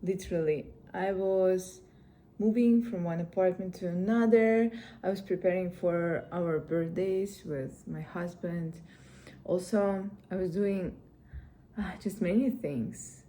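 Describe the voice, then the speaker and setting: A woman's voice: fairly low pitch, slow. A woman vlogging her language studies in a casual way, often laughing and correcting herself as she goes. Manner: hesitant learner speaking Japanese, laughs at own mistakes; excited, talks to herself while checking results. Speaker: vlogger studying Japanese. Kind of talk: casual study vlog.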